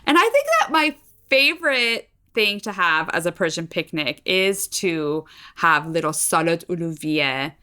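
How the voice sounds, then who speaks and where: A young adult woman co-hosting a podcast in relaxed casual chat, often using "like" as a filler. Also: fairly low pitch, measured pace, clean tone. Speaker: podcast co-host.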